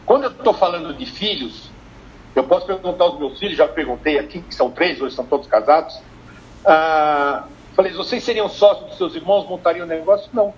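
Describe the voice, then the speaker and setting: An older Brazilian man, a family business consultant, telling lively stories in a live-streamed interview and acting out the dialogue. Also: on the high side, brisk. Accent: Brazilian Portuguese. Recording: dull lo-fi stream, faint noise.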